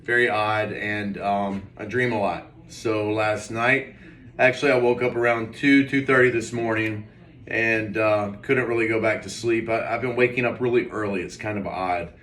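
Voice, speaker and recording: A man's voice: on the low side, fairly even intonation, moderate pace, a bit bright. A man casually rambling through a personal story, recounting a dream in a hazy, puzzled way with trailing, hesitant phrases. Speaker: vlogger. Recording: roomy echo, distant mic.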